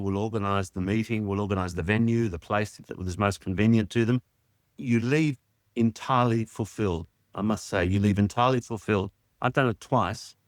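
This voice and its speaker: A man, a charity president answering interview questions in a measured, earnest way. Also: fairly low pitch, dry recording.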